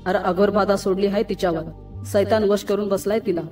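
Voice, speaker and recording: Gruff stern old occultist man as a woman storyteller voices him, curt commands, distant roomy recording, soft music behind. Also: mid-range voice, steady tone, fairly quick, close to an everyday voice. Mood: ominous. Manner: barks curt commands in rustic speech. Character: stern older male occult practitioner, gruff.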